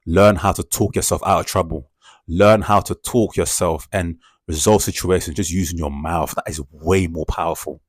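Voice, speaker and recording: Very deep man, emphatic motivational talk. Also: steady tone, moderate pace, no echo, studio quality. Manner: emphatic, repetitive, peppered with "yeah" and "bro". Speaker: self-improvement speaker.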